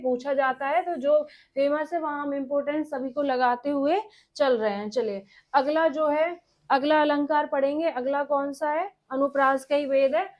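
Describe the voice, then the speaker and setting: A woman teaching an exam-prep grammar lesson, dictating and repeating phrases so students can write them down, and answering her own questions. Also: high voice. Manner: dictating slowly, repeating phrases for note-taking.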